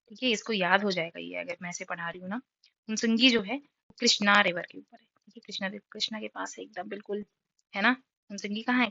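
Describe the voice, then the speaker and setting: A woman's voice: mid-range voice, gravelly, fairly bright tone, dry recording, lo-fi sound. A young woman teacher with a sore throat, running an exam-prep map lesson, quizzing her students and answering in their voice, checking in often. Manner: repeats key facts with frequent "ठीक है?".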